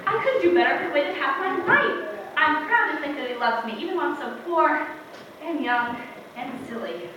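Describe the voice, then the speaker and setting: A proud, romantic young woman, played by a woman on stage, speaks earnestly in a high, bright voice. It is picked up from a distance in an echoey theatre. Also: sing-song, normal speed, dull audio, heavily acted. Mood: proud, defiant. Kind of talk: stage acting. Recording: echoey theatre, distant microphone, faint noise.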